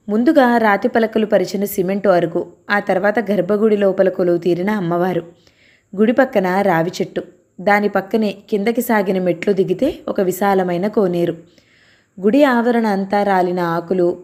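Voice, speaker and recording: A woman narrating an audio story in a slow, measured reading style. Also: medium pitch, darkish tone.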